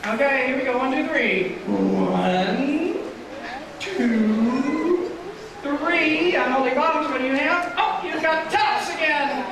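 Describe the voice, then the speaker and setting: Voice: sits high, a little fast, few pauses, a crowd in the background. A kids party magician hosting a live children's show, talking the audience through things in simple steps. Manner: kids party magician patter, coaching a child volunteer step by step. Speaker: kids' show magician and entertainer. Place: live show in an echoey room. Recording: echoey room, far from mic, loud music.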